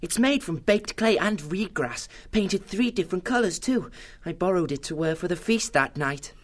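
A man's voice: high-pitched, animated, normal speed, voice pushed up. Man doing a friendly young squirrel.

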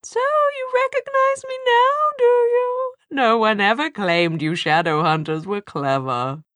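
A woman voicing a bitter, proud female demon with a high, thin voice, drawn out slowly and hissing. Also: very animated, a bit bright, no echo. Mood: sneering.

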